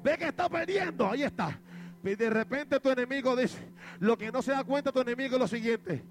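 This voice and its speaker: High-voiced preacher shouting a sermon. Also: male voice, a little fast. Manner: acts out a boxing match, shouting exhortations. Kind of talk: Pentecostal sermon. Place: church sanctuary. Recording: church service with music behind. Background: band music.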